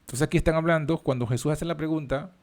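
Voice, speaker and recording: A man teaching a Bible study, reading verses aloud and then explaining them with frequent pauses and fillers. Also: on the high side, darkish tone.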